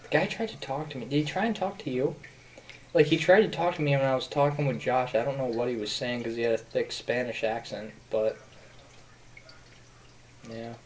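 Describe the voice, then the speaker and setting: A man's voice: medium pitch, a little fast, long pauses, darkish tone, low-quality recording. A young man hosting a podcast, telling a rambling story in casual chat with many fillers. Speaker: podcast host.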